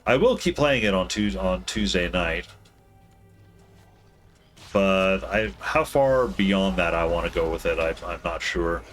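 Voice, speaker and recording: Low-voiced man mumbling over gameplay. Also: expressive, unhurried, soft background music. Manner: rambling, mumbling, self-correcting. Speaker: streamer. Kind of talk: casual gameplay commentary.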